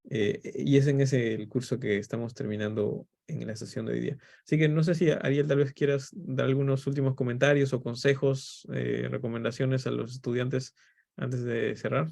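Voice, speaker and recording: A Peruvian man speaks as a university teacher hosting a class. His voice is mid-pitched with plenty of vocal fry, and his delivery is that of an informal lecture. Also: darkish tone. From Peru.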